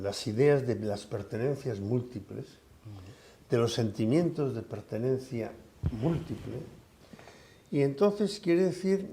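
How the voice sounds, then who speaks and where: An older man from the Basque Country, a professor, talking in a relaxed podcast conversation, pausing often with fillers and restarts. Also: mid-range voice, creaky. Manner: hesitant, many fillers and restarts.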